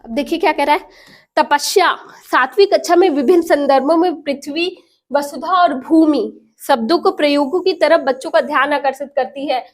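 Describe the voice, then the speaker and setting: A woman's voice: sits high, moderate pace. A woman teacher going through exam practice questions, asking the class questions and answering them herself. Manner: explains each option by asking and answering herself. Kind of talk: exam prep lesson.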